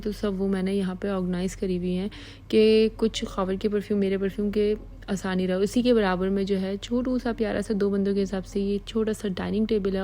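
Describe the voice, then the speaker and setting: A woman's voice: mid-range voice, dark tone, low-quality recording. A woman from Pakistan giving a chatty, affectionate vlog tour of her small apartment, repeating words like "pyari si". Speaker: vlogger.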